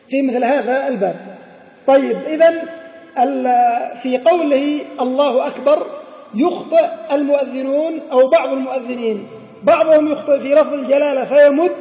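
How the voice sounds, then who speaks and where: A man giving a religious lesson on the call to prayer, explaining mistakes and chanting drawn-out examples, with an occasional chuckle. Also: very high-pitched. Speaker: sheikh teaching the call to prayer. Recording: echoey hall, dull lo-fi sound.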